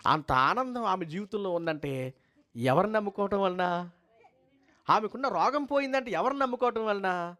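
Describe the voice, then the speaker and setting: Male preacher, high voice, fervent, quizzes the crowd with rhetorical questions, repeats himself for emphasis. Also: animated, moderate pace, pauses often, pushed and bright. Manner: fervent, swings between high and low pitch. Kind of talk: sermon and closing prayer.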